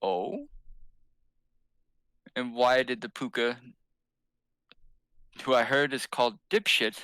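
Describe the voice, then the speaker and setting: A man's voice: mid-range voice, slow pace, sharp tone, no room sound. A man voicing an ancient male fey troll who fusses hospitably over his guest in a tabletop game. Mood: hospitable.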